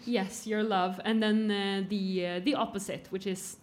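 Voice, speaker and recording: A woman's voice: mid-range voice, little pitch movement, measured pace. A woman hosting a live podcast interview, guiding the talk with curious questions. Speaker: podcast host.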